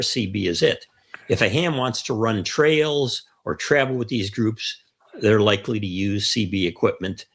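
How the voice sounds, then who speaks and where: His voice sits lowish and a bit bright. He's a mature co-host on a ham radio show, working through a list of points in a relaxed, explanatory way and repeating key phrases for emphasis as he counts them off.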